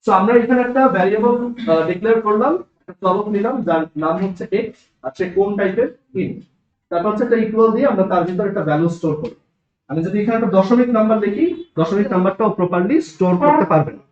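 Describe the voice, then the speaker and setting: Bengali guy with a bangladeshi accent teaching coding to a class, high voice, roomy echo, kinda muffled lo-fi sound. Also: lively intonation, quick pace. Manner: explains step by step, asks the class checking questions. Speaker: programming teacher. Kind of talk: classroom lecture. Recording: echoey classroom, dull lo-fi sound.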